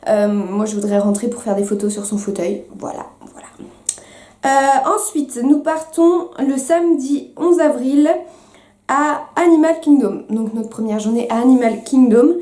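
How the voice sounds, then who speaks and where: A young woman chatting to camera as a vlogger, with many fillers and quick self-corrections. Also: high-pitched, warm tone, roomy sound. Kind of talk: casual chat to camera.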